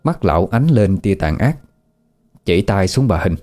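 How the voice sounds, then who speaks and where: A man narrating a scripted horror story in a steady, somber way. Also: sits low, measured pace.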